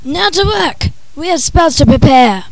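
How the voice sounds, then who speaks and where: A woman's voice: sits high, expressive, measured pace, gravelly, a little hiss or hum, heavily acted, poor audio. A woman voicing a sly, gloating male sorcerer in a theatrical, smug storybook reading. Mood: commanding.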